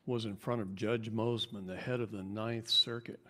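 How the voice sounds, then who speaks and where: Animated man giving a seminar talk. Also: normal speed. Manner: animated, jokey, voice rises high when worked up. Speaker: seminar speaker.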